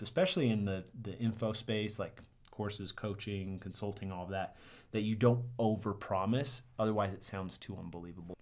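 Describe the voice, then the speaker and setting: A young man sitting at a desk in a small studio, casually critiquing ads to the camera in an upbeat way, with lots of "um"s. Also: on the low side. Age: young adult. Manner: upbeat, many "um"s and "right?". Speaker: marketing reviewer.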